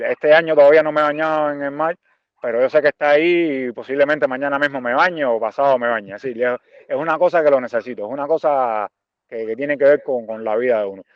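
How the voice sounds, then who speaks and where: In a dry, dull lo-fi recording, a smooth-voiced man from Cuba speaks at a medium pitch. A visual artist who also teaches art, he answers interview questions reflectively, pausing to find words and circling back over the same phrases.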